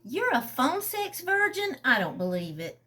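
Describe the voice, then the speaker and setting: A woman's voice: fairly high pitch, very animated, moderate pace, a bit bright. A woman reading a novel aloud, voicing a playful, slightly tipsy young woman who sounds buoyant and teasing.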